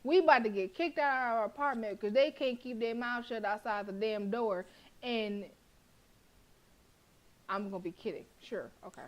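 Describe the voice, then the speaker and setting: A young woman with a slightly high voice streams a horror visual novel at a moderate pace. She reads the narration aloud, then bursts into blunt, profane, animated reactions and laughs often.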